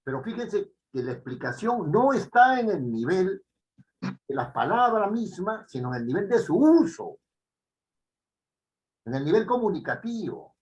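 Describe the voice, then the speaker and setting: Lively high-voiced Peruvian teacher. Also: male voice, unhurried, pauses often, rough recording. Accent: Peruvian Spanish. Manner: lively, emphatic, frequent tag questions. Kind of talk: online writing lesson.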